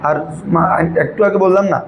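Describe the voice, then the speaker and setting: A male Arabic grammar teacher, drilling his students with quick questions in a patient classroom manner. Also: sits high, reverberant, slight background noise, rough recording.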